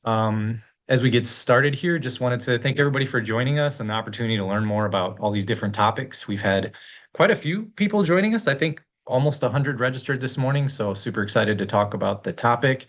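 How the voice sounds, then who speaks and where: Co-hosting a school facilities webinar, a man from the district's facilities staff speaks with an Upper Midwest American accent in an upbeat, easygoing, casual way. His medium-pitched voice is slightly bright, fast and lively in intonation.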